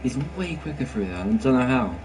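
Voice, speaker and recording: A man co-commentating on a race with short, casual remarks of analysis on a quieter, distant-sounding mic. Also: medium pitch, animated, normal speed, over music.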